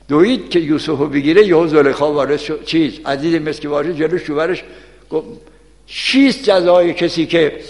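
Recorded with a long, echoing hall reverb, this gravelly, fairly high male voice belongs to a Quran teacher giving a colloquial sermon on the Quran's meaning. He alternates Arabic verse recitation with relaxed street Persian and asks the audience questions that he answers himself.

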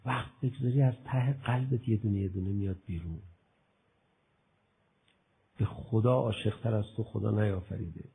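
A man preaching a religious sermon, acting out imagined talks with his listeners, going from a soft murmur to loud outbursts. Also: fairly low pitch, creaky, pauses often, breathy edge, narrow, tinny audio. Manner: acts out both sides of imagined dialogues with listeners; swings from soft murmur to loud impassioned exclamation.

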